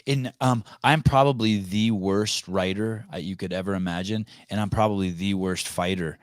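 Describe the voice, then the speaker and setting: His voice sits low and stays steady at a moderate pace as he hosts a casual podcast conversation from his California home. The man, whose first language is Armenian, rambles with frequent restarts and blunt profanity, recorded dry at studio quality.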